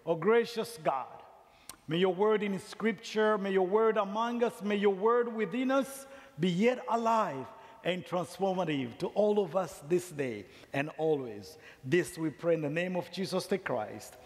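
A middle-aged Zambian man, a district superintendent, preaches a sermon through a headset mic in a large church sanctuary. His voice is high and a little slow, with the long reverb of the big hall.

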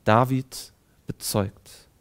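A man in his thirties, an evangelist, reading psalms aloud and explaining them with earnest personal address to the listener. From Germany. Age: 30s. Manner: earnest, reads scripture slowly then explains it in a warm personal address. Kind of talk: devotional Bible reading and commentary.

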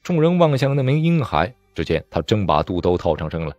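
A man narrating a novel audiobook with expressive storytelling. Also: fairly low pitch, brisk, no echo, muffled recording.

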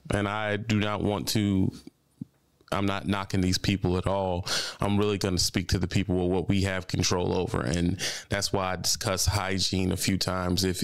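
Low gravelly guy doing blunt trucker commentary, smooth clear studio mic, dry sound. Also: no room sound. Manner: blunt, preachy, repeats phrases for emphasis. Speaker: trucking channel host. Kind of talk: commentary on a reaction video. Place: home studio with colored lights. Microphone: studio mic on a boom arm, headphones.

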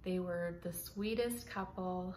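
Slow and on the low side, her darkish voice guides viewers through her home interior in a chatty, meandering way. Fillers, restarts and "y'all" come up often, and the close chest-height camera catches slight background noise.

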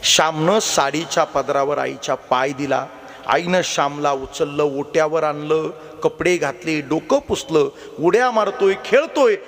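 A man's voice: fairly high pitch, unhurried. A man kirtan preacher telling a devotional story and urging the audience to listen. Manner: emphatic, repeatedly calls the audience to listen. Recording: long hall reverb.

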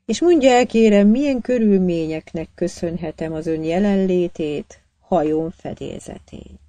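A woman's voice: fairly low pitch, warm tone, no room sound, close to an everyday voice. A woman reading an audiobook, voicing a stern, commanding male ship captain. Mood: gentle.

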